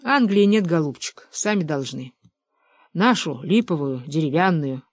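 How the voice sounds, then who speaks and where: A woman doing a hoarse grumbling old man. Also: low voice, animated, measured pace, no echo, studio quality.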